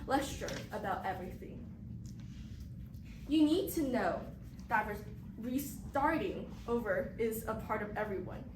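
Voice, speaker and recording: A woman's voice: mid-range voice, lively intonation, unhurried, pauses often. Echoey, distant female motivational speaker. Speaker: speech contestant. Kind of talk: rehearsed motivational speech. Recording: echoey room, distant mic, loud noise.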